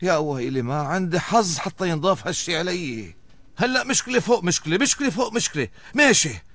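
An exasperated uncle, lively high voice. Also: male voice, fast talker. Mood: lamenting. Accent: Lebanese Arabic. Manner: lamenting, exasperated. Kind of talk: dubbed TV drama.

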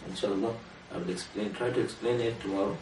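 A man giving an earnest sermon to a small gathering, speaking in a measured way that rises for emphasis. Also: fairly low pitch, fairly even intonation. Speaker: religious speaker. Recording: roomy room from a distance, faint noise.

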